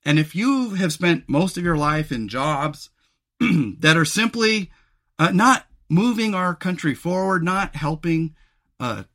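A male podcast host talking alone in a rambling, reflective way, losing his voice and clearing his throat often. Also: on the high side, expressive, slow pace, sharp tone. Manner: rambling and reflective, many fillers and restarts. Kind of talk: solo podcast monologue.

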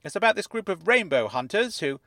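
A man voicing an excitable middle-aged newspaper writer with a fuzzy, wobbly, slightly distorted voice and a gushing way of talking. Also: sits high, a little fast, no room sound, clean studio sound, voice pushed up, exaggerated voice. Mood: eager. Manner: effusive, gushing, rambles when excited.

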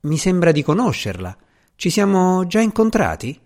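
A man voicing an affable, breezy aging English gentleman in an audiobook reading. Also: sits high, wildly swooping pitch, normal speed, voice pushed up, full character voice. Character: aging genial English gentleman, vice-minister.

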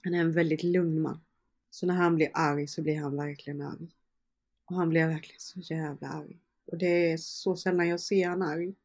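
A woman's voice: low-pitched, flat delivery, a little mellow. A young woman, an interview guest, casually recounting personal events with fillers and quoted dialogue. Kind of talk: personal storytelling in conversation.

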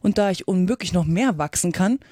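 A woman's voice: on the low side, expressive, brisk, warm tone, no room sound, studio quality. Woman reading a plucky young girl. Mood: earnest. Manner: talks to herself, earnest.

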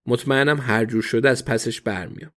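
A man voicing a sharp young policewoman who speaks wryly and confidently in a read storybook. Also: medium pitch, fairly even intonation, natural voice.

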